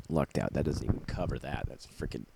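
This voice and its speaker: A man's voice: very deep voice, wildly swooping pitch, moderate pace, vocal fry, background noise. A man casually showing off his laserdisc collection, jokey and rambling, with puns and asides. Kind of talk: casual show-and-tell vlog.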